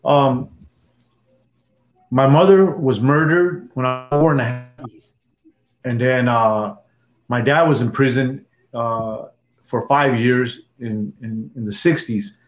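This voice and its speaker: A man in his sixties from Dallas, Texas, a former prison gang member, tells his life story in an interview, halting and rambling with many restarts. His voice is medium in pitch. The room is echoey and the sound dull and lo-fi, with a little hiss or hum.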